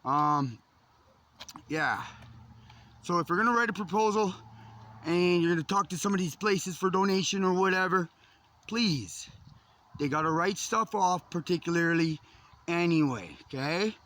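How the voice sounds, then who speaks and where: A man's voice: high-pitched, measured pace, long pauses, bright, forceful tone. A man rambling in a vlog, agitated, swearing often and jumping between thoughts, recorded outdoors on a phone. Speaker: vlogger. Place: outdoors in a yard.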